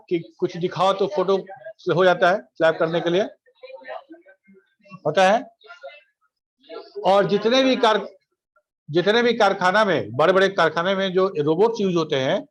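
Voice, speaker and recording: High-voiced male college lecturer. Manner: conversational, repeats phrases, asks students questions. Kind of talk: online class lecture.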